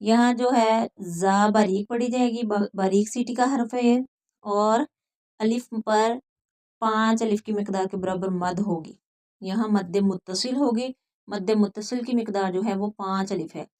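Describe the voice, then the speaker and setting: A woman with a Pakistani accent teaching Quran reading, explaining each rule step by step and slowly repeating words. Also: medium pitch, fairly even intonation, a little mellow. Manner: patient, repeats words slowly and stretches recited sounds. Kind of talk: slow step-by-step lesson.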